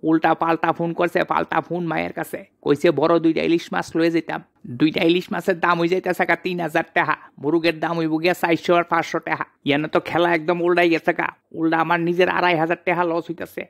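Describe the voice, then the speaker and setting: A man's voice: fairly high pitch, little pitch movement, fast, vocal fry, fairly bright tone. A man in a rustic comedy sketch, chattering and fretting as he schemes. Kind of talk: rustic comic monologue.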